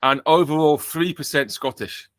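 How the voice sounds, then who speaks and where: A man's voice: fairly high pitch, normal speed, dry recording. A man with an English accent hosting a casual podcast chat, joking dryly and poking fun at himself. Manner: dry, joking, self-mocking. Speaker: podcast host.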